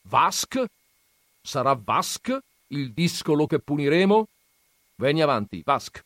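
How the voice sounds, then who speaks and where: A domineering old grandfather bellows his judgments, voiced by a male reader. The voice is raised and forceful, declaiming each line for the whole family. The recording is dry and close, with no room sound. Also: fairly high pitch, very animated, slow, dry recording, voice pushed up, heavily acted. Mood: blustering.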